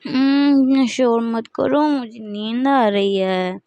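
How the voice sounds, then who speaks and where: A woman's voice: medium pitch, darkish tone, no room sound, dull audio, close to an everyday voice. A woman voicing a rude, rebellious young man who talks sleepily or irritably in a storybook reading. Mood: sleepy. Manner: sleepy and slow, then irritated.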